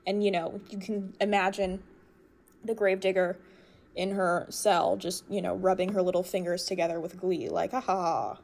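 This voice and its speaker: A woman's voice: fairly low pitch, level tone, moderate pace, darkish tone. A woman co-hosting a casual recap chat in an easygoing, joking way. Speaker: podcast co-host.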